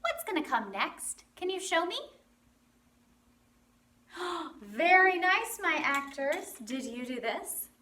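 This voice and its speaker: A woman teaching a children's lesson, playful and animated, acting out animal sounds. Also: high voice, measured pace, few pauses. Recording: roomy, from a distance.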